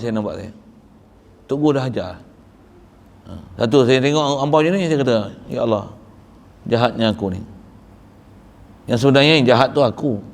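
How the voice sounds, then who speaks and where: A man from Malaysia, a religious teacher giving a tearful, fervent devotional sermon that drops to soft pleading prayers. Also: medium pitch. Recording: reverberant hall.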